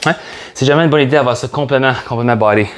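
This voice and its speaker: A fitness coach with a Québécois French accent leads a guided workout, upbeat and joking as he counts reps out loud. His medium-pitched voice is a bit bright and races along.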